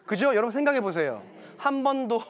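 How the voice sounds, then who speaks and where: A man's voice: very high voice, sing-song, normal speed, a crowd in the background. A man giving a televised lecture on parenting, telling stories animatedly and acting out quoted dialogue.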